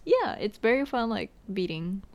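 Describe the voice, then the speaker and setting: A young woman from Japan talks in accented, second-language English. She is chatty and quick to giggle, with loose, meandering phrasing in a relaxed podcast conversation. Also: medium pitch. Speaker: guest. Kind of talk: casual podcast chat.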